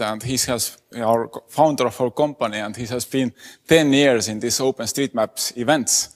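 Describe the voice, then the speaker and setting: Man giving a conference talk. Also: mid-range voice. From Estonia. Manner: plain, halting non-native English with many fillers. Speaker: conference speaker. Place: conference hall. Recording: long hall reverb.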